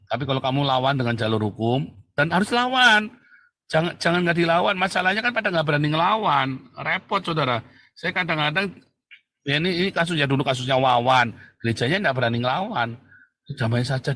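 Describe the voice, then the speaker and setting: A man's voice: mid-range voice, a bit bright. A man hosting a religious livestream talk show, mocking his opponents and urging his audience to fight back through legal means, often repeating phrases for emphasis. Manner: mocking and defiant, laughs at opponents. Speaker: livestream host.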